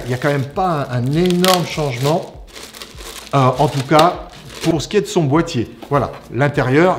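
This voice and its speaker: Brief: male tech presenter, slightly high voice, chatty, explains step by step while unboxing. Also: slight background noise. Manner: chatty, explanatory, frequent "alors" and "on va dire". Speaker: IT company presenter. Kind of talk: casual unboxing product review.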